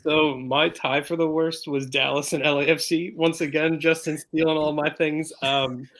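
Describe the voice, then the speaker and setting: A man's voice: on the high side, flat delivery, normal speed, fairly bright tone. A man co-hosting a soccer podcast in casual chat, easygoing and agreeable with frequent fillers. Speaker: podcast co-host.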